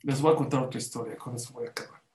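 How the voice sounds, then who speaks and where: A man telling a story to a gathering, acting out the dialogue with lively shifts in his voice. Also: mid-range voice, racing, echoey room. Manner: animated, acts out dialogue. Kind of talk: storytelling talk.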